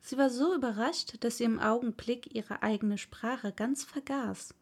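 A woman hosting a fairy tale podcast, reading a story aloud in a soft, gentle, partly whispered voice. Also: a little high, a little slow, slightly rough. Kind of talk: bedtime storytelling.

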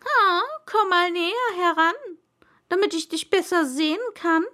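A woman's voice: very high-pitched, fairly even intonation, measured pace, bright, forceful tone, voice pushed up, exaggerated voice. A woman voicing a proud, stern but kindly old king in a storybook reading, with pompous, commanding declarations.

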